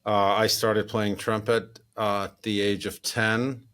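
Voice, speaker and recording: Fiftyish guy from iceland, lowish voice, chatty and relaxed, laughs a lot. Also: takes it slowly. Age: 50s. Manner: relaxed, chatty, laughs often, many fillers. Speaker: composer, guest. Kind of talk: casual interview chat.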